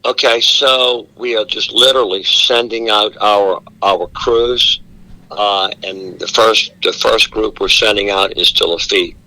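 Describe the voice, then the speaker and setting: A man giving a steady live briefing as an emergency official, with many fillers, heard over a speakerphone held up to a studio microphone. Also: on the low side, unhurried, dry recording, rough recording. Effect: speakerphone held up to the studio mic. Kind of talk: live radio phone briefing.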